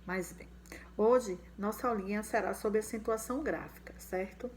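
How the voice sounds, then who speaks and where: A woman teaching a grammar lesson to young children. She ends almost every phrase with a questioning check and says the example words louder and slower. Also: mid-range voice, slight background noise.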